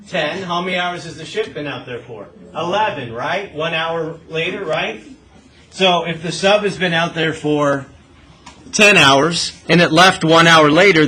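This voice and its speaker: A male math teacher explains things step by step, frequently asking questions to check that the class understands. His voice is a little high and sharp, with slight background noise.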